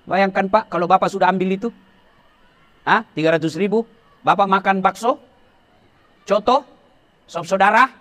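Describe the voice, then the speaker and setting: Animated high-voiced preacher man. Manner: animated, teasing, swings from shouting to hushed warnings. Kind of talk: humorous sermon to police officers.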